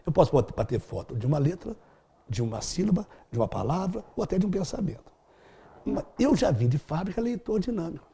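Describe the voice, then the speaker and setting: Gravelly, lively-pitched teaching man. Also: fairly quick. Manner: didactic, uses vivid everyday examples. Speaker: speed-reading instructor. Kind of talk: explanatory interview answers.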